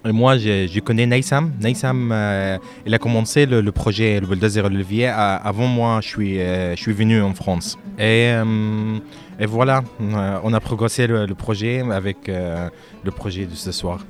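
A man from Lebanon answering interview questions about his music, speaking haltingly with frequent fillers and restarts. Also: on the low side, fairly even intonation.

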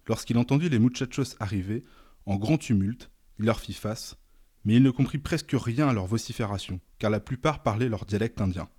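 A man reading a novel aloud in a measured, dramatic narration. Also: on the low side, dark tone, breathy edge. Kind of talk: audiobook narration.

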